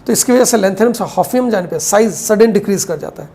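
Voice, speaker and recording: A woman's voice: medium pitch, animated, mellow. Woman lecturing chemistry, dictating notes. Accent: Hindi-English mix. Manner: explanatory, poses questions and answers them, slows to dictate notes. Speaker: chemistry teacher. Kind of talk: classroom lecture.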